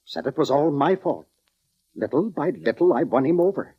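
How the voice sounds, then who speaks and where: An actor in a 1940s radio drama plays a weary, courteous male concert musician, using formal, theatrical phrasing in a weary, reflective mood. His voice is fairly high and animated, at a moderate pace with a breathy edge. The vintage radio recording sounds dull and muffled.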